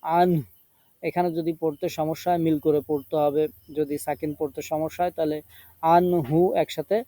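Dark-voiced male Quran teacher drilling recitation. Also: a little high, level tone, dry recording. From Bangladesh. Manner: drawn-out chanted recitation between clipped instructions; repeats syllables to drill pronunciation. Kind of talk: online tajweed lesson.

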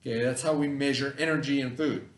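In a mid-range voice with fairly even intonation and a brisk pace, a middle-aged elementary teacher runs a remote read-aloud vocabulary lesson for kids indoors in a classroom. He explains simply, repeats the key words, and uses short tags to confirm the children follow.

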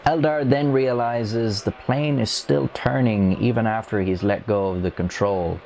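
A young man with a very low voice narrates from a script in a measured, grave way. He speaks into a lapel mic on a dark studio set, telling the story steadily. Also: fairly even intonation, creaky, slight background noise. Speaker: documentary narrator.

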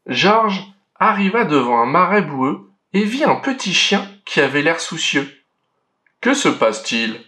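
A man reading a children's picture book aloud in a gentle, clear narration with a story-reading lilt. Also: high-pitched, sing-song, measured pace.

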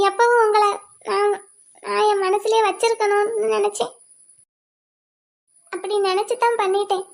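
A woman's voice: very high-pitched, creaky. A woman voicing a sweet, clingy young wife in a cartoon, pleading and childlike. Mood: tearful coaxing. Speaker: cartoon voice actor. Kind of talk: cartoon voice acting.

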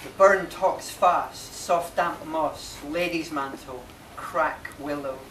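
Reciting his own poems in a marquee at a live reading, this man speaks at a very slow pace, leaving pauses after each short phrase, his voice on the high side and a little bright. A camera microphone several metres off catches him from afar, giving a roomy, reverberant sound full of audible background noise.

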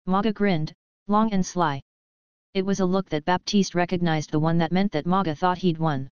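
A woman with a low, very smooth voice reads a story aloud at a steady pace. The recording is dry and close, with a slightly dull, muffled tone. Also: normal speed, no echo. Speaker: narrator. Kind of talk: scripted narration.

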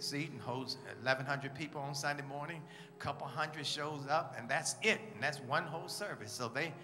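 Pastor in a reverberant church. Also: male voice, medium pitch. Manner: call-and-response, shouting to the congregation. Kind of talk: church announcements and sermon humor. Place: church sanctuary. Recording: reverberant church hall with music.

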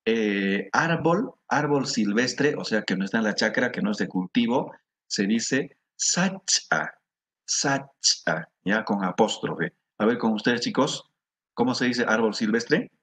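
A middle-aged man with a Peruvian Spanish accent teaching a class, slowly repeating words for students to echo. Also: lowish voice, lively intonation, a bit bright. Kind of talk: classroom lesson.

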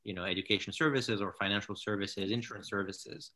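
A man in his thirties from Morocco, a founder talking in a casual interview over a video call from his living room, halting with many fillers and restarts. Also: lowish voice, fairly even intonation, sharp tone. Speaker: founder and CEO, guest. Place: home living room with large window. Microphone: laptop or webcam on a video call.

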